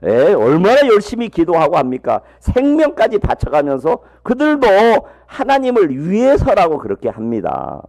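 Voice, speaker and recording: A man preaching a sermon as a missionary, telling the story in a lively, folksy way and asking his congregation rhetorical questions. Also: a little high, moderate pace, few pauses. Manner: folksy, humorous asides.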